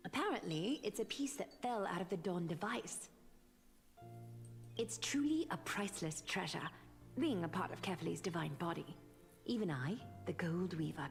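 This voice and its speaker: A woman's voice: lowish voice, long reverb tail. A woman playing a wise, composed, solemn seamstress mentor in a video game. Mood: knowing, composed. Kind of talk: dramatic video game voice acting.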